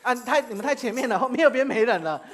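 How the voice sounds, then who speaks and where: A woman's voice: on the high side, expressive, very fast, a little hiss or hum. A woman, a preacher leading children in a playful church game, calling out commands and laughing often. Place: church sanctuary.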